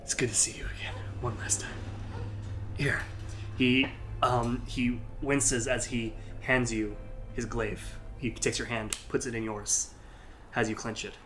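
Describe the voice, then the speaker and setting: A man voicing a dying old male paladin mentor who is short of breath and speaks in a faint, breathy whisper. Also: mid-range voice, level tone, takes it slowly, over music, natural voice. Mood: tender, fading. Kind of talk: tabletop role-play character voice.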